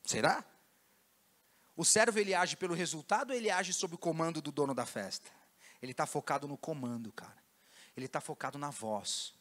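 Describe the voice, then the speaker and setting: A man preaching a sermon as a pastor in a church, telling stories in a casual, slangy, animated way. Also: a little high, fairly quick. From Brazil. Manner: animated storytelling, slangy and casual, acting out scenes.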